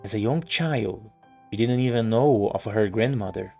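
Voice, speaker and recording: A man streaming a game, reading its story aloud in a steady narrating voice with occasional slips and restarts. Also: fairly low pitch, moderate pace, vocal fry, faint music behind.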